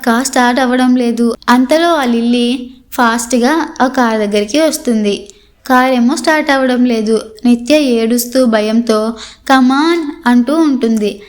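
A woman storyteller narrating a horror story in a steady, dramatic way. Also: fairly high pitch.

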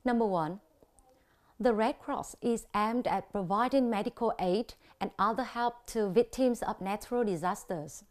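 This TV English lesson features a woman from Vietnam who speaks at a medium pitch and, in a Vietnamese accent, slowly drills the pronunciation of English words.

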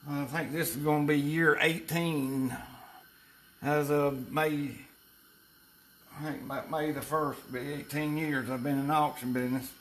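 A man's voice: on the high side, flat delivery, a little slow, a bit bright, a little hiss or hum. Older Southern man, folksy and rambling. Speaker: cooking show co-host. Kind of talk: casual cooking chat. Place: home kitchen.

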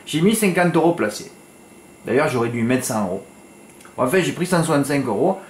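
A man's voice: mid-range voice, very animated, fairly quick, reverberant, a little hiss or hum. A man giving horse racing tips to his viewers in a casual monologue, chatty and peppered with little tag words, flaring into exasperated rants. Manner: chatty, peppered with "hein", flares into exasperated ranting.

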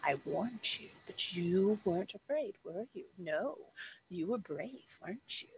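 A sinister serpent woman from a tabletop role-playing game, as a woman game master puts her on. She taunts with slow, dramatic contempt, in a medium-pitched voice. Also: animated, a little hiss or hum, poor audio. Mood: taunting.

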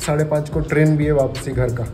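A young adult male vlogger with a fairly high voice talks brisk and chatty to a phone held at arm's length, mixing Hindi and English with bits of Odia, his intonation fairly even. His casual travel vlog moves through rooms, streets and a station, indoors and out, with music behind his voice.

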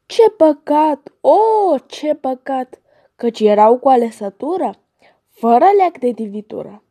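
A woman's voice: sits high, animated, warm tone, breathy edge, full character voice. A woman voicing a self-pitying male gander who wails over his lost slippers, in a storybook reading. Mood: lamenting.

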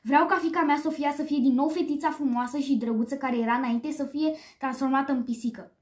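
A kind storybook king and father with her voice barely lowered. Her high voice rings in an echoey room. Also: lively intonation, a little mellow. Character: kind middle-aged king, sneezing father.

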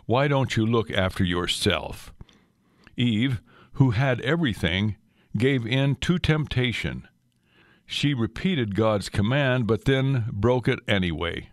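A man preaching a sermon in a measured, deliberate way, sometimes voicing the tempter's words with a lifted pitch. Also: dry recording, studio quality. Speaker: pastor.

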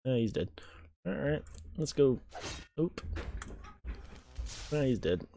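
A man's voice: mid-range voice, big pitch swings, slow, creaky, mellow, a little hiss or hum. A man hosting a gaming channel, chatting casually through a let's-play, jokingly reading game dialogue aloud and admitting he is unsure how names are pronounced. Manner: reads game dialogue aloud and laughs at it, jokes around.

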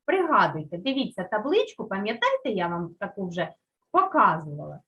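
A woman's voice: mid-range voice, huge pitch swings, brisk, bright, forceful tone, lo-fi sound. A woman from Ukraine teaching a lesson to young children, stretching out key words and coaxing them with questions. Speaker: primary school teacher.

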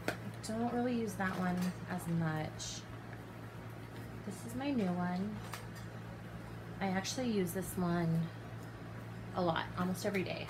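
A woman's voice: mid-range voice, background noise. A young woman chatting casually and upbeat while organizing her bedroom, talking to her viewers. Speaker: vlogger. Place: bedroom at home. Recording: music playing loudly behind voice. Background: loud background music.

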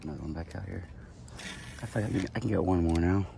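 A man with a very low, deep voice talks casually as he fishes from a kayak on a lake. He is recorded outdoors on a head-mounted action camera, with a faint outdoor hiss behind him. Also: fast talker, vocal fry. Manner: relaxed, chatty, excited when a fish bites. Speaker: fishing vlogger. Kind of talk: casual narration while kayak fishing.

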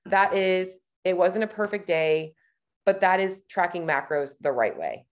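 Her voice is lowish and animated, and she speaks a little slowly. She's a woman in her thirties who coaches nutrition, chatting casually and thinking out loud while clicking through a tutorial she's screen-sharing on webcam.

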